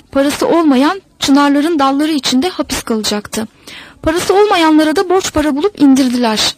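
A woman narrating a folk tale as a storyteller, reading in a measured, even way. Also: high-pitched, a little hiss or hum, poor audio.

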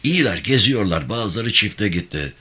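A man's voice: fairly low pitch, expressive, normal speed, pushed and bright, breathy edge, pitched above the performer's own voice, full character voice. A man voicing a young servant who chattily passes on village gossip to his master. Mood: reporting. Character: loyal young farmhand, eager to report.

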